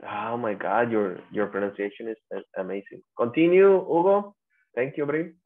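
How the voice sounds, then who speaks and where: A male English teacher gives an online class over a video call, explaining patiently step by step and calling students by name. His mid-range voice is animated and measured in pace, and the call audio is tinny and lo-fi.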